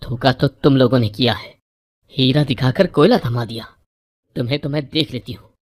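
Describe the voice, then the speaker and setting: A woman voicing an angry older mother-in-law who scolds loudly in a high voice in a storybook tale. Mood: furious.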